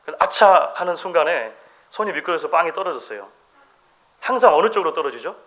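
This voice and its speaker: A middle-aged man preaching a sermon in a church, his voice bright and lively with wide swings in pitch. He tells everyday stories and acts out the quoted lines, stretching them slowly for emphasis. His voice sits a bit high for a man. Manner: storytelling, quotes voices with dramatic slow emphasis. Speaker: pastor. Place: church sanctuary.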